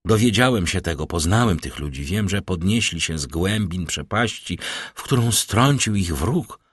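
A man's voice: low-pitched, animated, moderate pace, breathy edge, no echo, clean studio sound. Man voicing a proud young nobleman. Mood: earnest resolve.

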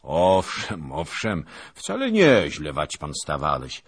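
A man's voice: deep voice, big pitch swings, slow, breathy edge, pitched above the performer's own voice, heavily acted. A man doing a pompous old boastful nobleman. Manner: pompous, patronizing, loud.

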